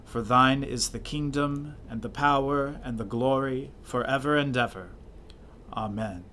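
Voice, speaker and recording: A man leading worship, reciting prayers aloud in a steady, declamatory way. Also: mid-range voice, a little slow, a little hiss or hum. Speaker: worship leader.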